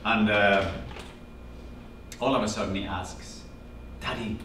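His voice sits fairly low and he talks slowly. He is a Norwegian man in his fifties with a matching accent, gesturing as he animatedly shares a personal story with a small audience and quotes what family members said. Recorded from afar by a camera with no visible mic in a classroom-sized room with a projector screen, the sound echoes over a background hum.

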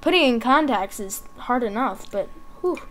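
A woman hosting a gaming video gives casual, chatty commentary, thinking aloud in short offhand remarks. Her high voice is animated, at a normal speed.

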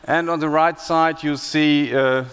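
A German-accented man in his fifties speaks at a conference on a headset mic, in plain words with many hesitations and restarts. His voice is smooth and resonant, and a long reverb trails off through the large hall. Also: a little high, fairly even intonation, measured pace, fairly bright tone. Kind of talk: conference presentation.

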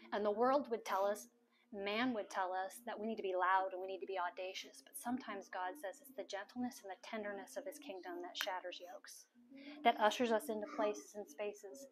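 A middle-aged woman minister praying over people at a house meeting, soft-spoken and coaxing, often repeating her phrases. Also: medium pitch. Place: large living room full of people.

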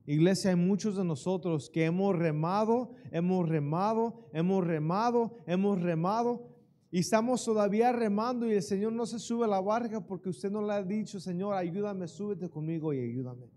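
A pastor preaching a sermon in church, calling out questions for the congregation to answer. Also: male voice, high-pitched, moderate pace, mellow, slight background noise. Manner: preaching with call-and-response to the congregation. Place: church sanctuary.

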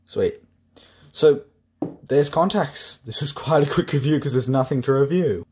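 A man's voice: on the high side, expressive, measured pace, a little mellow, a little hiss or hum. A young man casually reviewing an old device, with sarcastic jokes and offhand asides. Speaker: tech reviewer. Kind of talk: casual tech review vlog.

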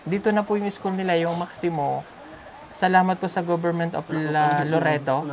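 A woman's lowish, darkish voice with fairly even intonation and normal speed carries a casual vlog chat. She's visiting a sponsored child and chats with the family at home, teasing, coaxing, and asking lots of questions. There's slight background noise.

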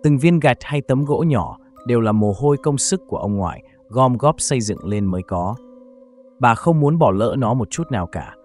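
Man voicing a gentle old village grandmother. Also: medium pitch, animated, moderate pace, soft background music, close to an everyday voice. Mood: wistful.

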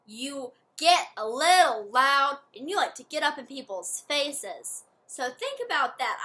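Bright-voiced woman teacher reading to kids. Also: high-pitched. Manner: friendly, explains step by step to kids. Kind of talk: read-aloud reading lesson for children.

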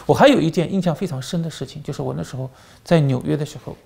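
A man's voice: on the high side, racing, creaky, mellow. A man hosting a commentary channel, telling stories animatedly with lots of fillers and repeated words. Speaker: channel host and former journalist. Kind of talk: political commentary monologue.

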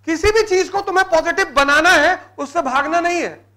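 A high-pitched man with a North Indian Hindi accent lectures students preparing for civil services exams in an emphatic motivational style. He hammers home single words by repeating them, and his voice rings bright and forceful through the classroom. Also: normal speed. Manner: emphatic, repeats key words, mixes in English terms. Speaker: civil services exam teacher. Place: live classroom session.

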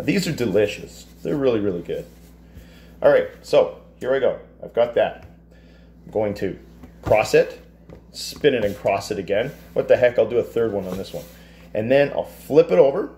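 A man in his fifties teaching a casual cooking demonstration in a home kitchen, explaining each step in a relaxed, chatty way. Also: medium pitch. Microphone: camera across the counter.

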